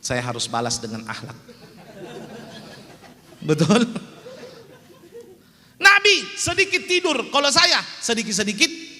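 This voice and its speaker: High, bright-voiced joking preacher. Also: male voice, huge pitch swings, measured pace, pauses often, big-room sound. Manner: joking, teasing the audience. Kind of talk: humorous sermon. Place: small prayer hall.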